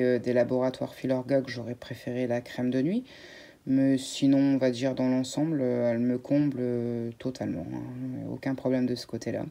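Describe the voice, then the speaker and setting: Mellow-voiced chatty woman vlogger. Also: rumbling low, gravelly. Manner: chatty, addresses viewers, frequent fillers and restarts. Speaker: beauty vlogger. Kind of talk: casual unboxing chat.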